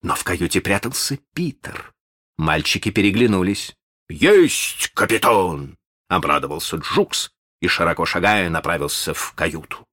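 A man narrating a children's story aloud in a dramatic, animated manner. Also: low-pitched, normal speed, no room sound, clean studio sound. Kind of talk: expressive audiobook narration.

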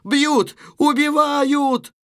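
A man's voice: steady tone, drawn-out words, no room sound, clean studio sound, heavily acted. A man reading a play aloud, voicing a young woman who cries out and then accuses her sister. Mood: terrified. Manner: shrill, pleading outcry.

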